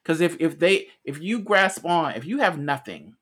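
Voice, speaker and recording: With a fairly high, fairly bright voice carrying a breathy edge, this American co-host of a casual podcast speaks expressively at normal speed. He lays out his opinions earnestly and at length, often starting phrases over.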